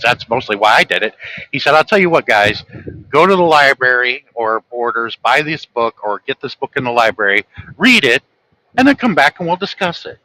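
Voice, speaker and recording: An American man hosts a livestream, reading earnestly from his own notes and lecturing his viewers directly. His medium-pitched voice is bright and forceful, though the recording is rough.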